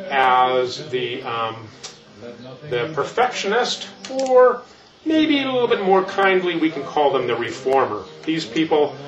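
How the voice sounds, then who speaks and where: An older, jolly Santa Claus gives a rambling seminar talk in a folksy, unhurried manner, played by a man. He sits a little back from the mic in a roomy, echoing space. The sound is dull, with music clearly running underneath. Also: a little high. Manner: folksy, meandering, explains slowly. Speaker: seminar keynote speaker. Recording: echoey, distant, muffled, music behind.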